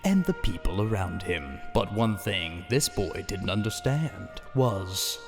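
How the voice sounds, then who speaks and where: A man's voice: sing-song, slow, vocal fry, over music, full character voice. A man switching into an impression voice of a solemn movie trailer narrator, in a comedy bit. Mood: mock solemn. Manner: exaggerated low, solemn impression voice.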